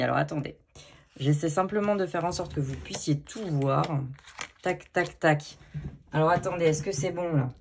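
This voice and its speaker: A woman's voice: deep voice, husky. A woman giving a chatty tarot card reading, with frequent fillers and self-corrections. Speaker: tarot reader. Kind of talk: casual card-reading video.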